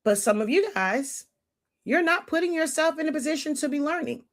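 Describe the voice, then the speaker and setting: A woman's voice: high voice, lively intonation, fairly quick. A woman mentor teaching live in a blunt, lecturing way, often stopping to search for a word. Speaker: business mentor on a livestream. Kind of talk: unscripted live teaching monologue.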